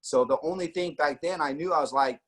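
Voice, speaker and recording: Speaking a little fast in a husky, slightly high voice, an Austrian man in his forties shares his personal story as a network marketing guest. His casual telling is packed with fillers and quotes he acts out.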